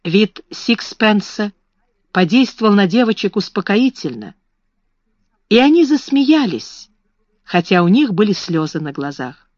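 Woman reading an audiobook, slow and steady, dry close sound, a bit muffled. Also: mid-range voice, no echo. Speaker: audiobook reader. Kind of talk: scripted narration. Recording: dull, slightly muffled recording.

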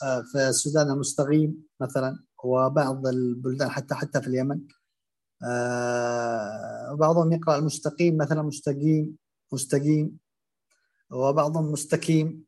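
A man teaching Quran recitation, explaining and demonstrating common pronunciation errors in a halting, filler-heavy way. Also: medium pitch, flat delivery, darkish tone. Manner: hesitant, many fillers and restarts, demonstrates pronunciations aloud.

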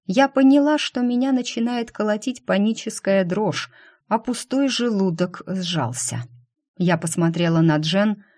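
A woman's voice: fairly low pitch, a little mellow. A woman narrating a first-person audiobook in a tense, defiant voice. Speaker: audiobook reader.

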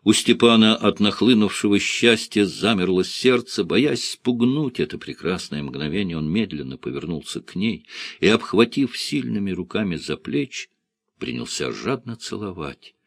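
A man reads a story aloud in a calm, measured manner. His voice sits fairly low. The sound is dry and close to the mic. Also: dry recording. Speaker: audiobook narrator. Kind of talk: scripted narration.

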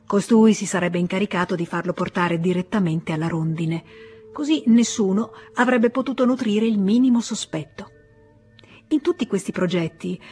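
A woman reading a classic novel aloud in a measured, expressive literary narration. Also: mid-range voice, slightly rough. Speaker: audiobook narrator. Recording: faint music bed.

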